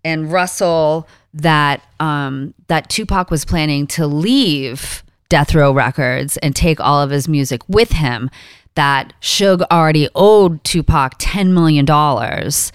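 A woman's voice: sits low, slow pace, clear, resonant tone, no echo, studio quality. A woman co-hosting a casual podcast, chatty and laughing often, swearing casually. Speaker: podcast co-host. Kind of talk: casual chat.

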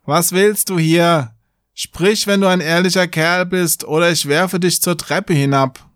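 A man's voice: on the high side, animated, moderate pace, no room sound, clean studio sound, lightly acted. A man doing a naive, fearless young lad. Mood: challenging. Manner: earnest, plain-spoken.

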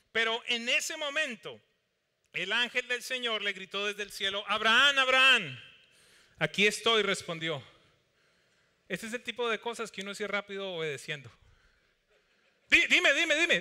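Male preacher, high clear resonant voice, animated sermon delivery, church hall reverb. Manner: animated preaching, acts out Bible dialogue and skits.

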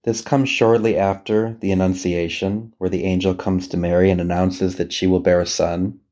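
Reading scripture and reflecting on it, this man guides a meditation as a priest would. His lowish voice is soft-edged and relaxed, and he takes his time, speaking gently with long pauses between phrases.

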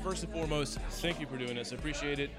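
A man's voice: fairly high pitch, fast, loud music behind the voice. A man interviewing artists in a friendly, joking, casual way.

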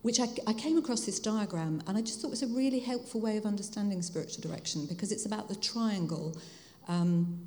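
A mature woman talks fast with hardly any pauses, her mid-range voice a little mellow. She's a spiritual director from Hertfordshire, England, aged 50s or older with a Home Counties accent, explaining reflectively and conversationally to an audience as an interview guest in a reverberant hall.

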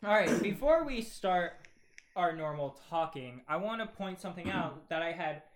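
High-voiced young man hosting, joking. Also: lively intonation, moderate pace. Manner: joking, swears often. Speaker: podcast host. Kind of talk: casual chat.

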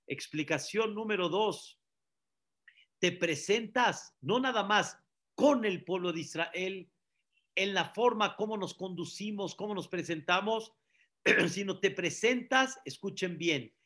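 A rabbi preaching a sermon, repeating phrases and asking the listeners questions. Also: male voice, high voice, pushed and bright. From Mexico. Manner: preaching with repetitions and rhetorical questions.

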